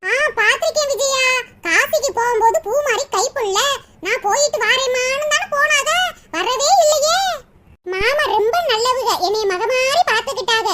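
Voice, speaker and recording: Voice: very high voice, moderate pace. A performer voicing a chatty young village daughter-in-law with a southern Tamil accent, fussing and calling out around the house. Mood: reminiscing. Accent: southern Tamil, Tirunelveli. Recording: loud background noise.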